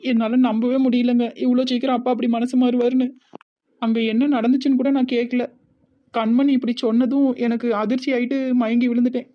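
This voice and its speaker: A young woman with a Tirunelveli Tamil accent voicing an emotional, anxious young village wife in a cartoon, speaking softly. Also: on the high side, flat delivery, fairly quick, dull audio, natural voice. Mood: tearful. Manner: soft, worried, tearful. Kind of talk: animated cartoon voice acting.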